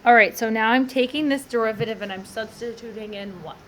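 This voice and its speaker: A woman's voice: fairly high pitch, brisk, a bit bright, slight background noise. A woman teaching math in a classroom, walking through each step and asking the class encouraging questions. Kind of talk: classroom lecture.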